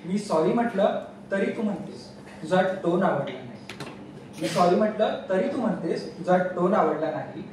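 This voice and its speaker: A man's voice: high-pitched, animated, normal speed. A young man reciting a humorous poem at a student event, with a teasing, mock-exasperated delivery. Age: young adult. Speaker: student poet. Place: large echoey hall on stage. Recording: echoey hall from far off, faint noise.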